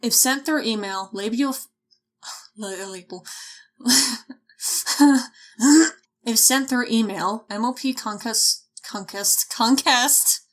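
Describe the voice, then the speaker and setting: A woman reads a scripted voice-over for a casting call slowly, leaving long pauses, her slightly high voice fairly bright. She stumbles over her lines often, swearing and laughing at herself in what are essentially blooper outtakes.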